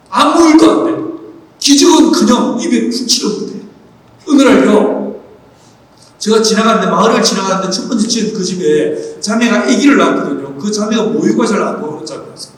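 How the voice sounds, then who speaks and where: A man preaches with a very high-pitched voice, stretching out his key phrases slowly and sinking to a hush for quoted words. His voice rings through a big hall with long reverb. It is picked up from well back from the mic. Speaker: pastor. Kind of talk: sermon. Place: large church hall. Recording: roomy echoing hall, voice picked up from far off.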